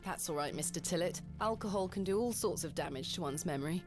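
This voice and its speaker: A woman's voice: on the low side, animated, quick pace, music in the background, lightly acted. An actress playing a composed, determined lady antiquarian with formal, wry delivery in an adventure game. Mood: composed, resolute. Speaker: video game protagonist. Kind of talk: adventure game voice acting and narration.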